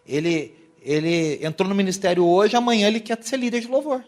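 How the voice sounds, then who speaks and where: Young man from Brazil, church worship lecture, bright high voice, acts out anecdotes. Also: brisk. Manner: animated, storytelling, acts out quotes. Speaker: worship teacher. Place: church hall.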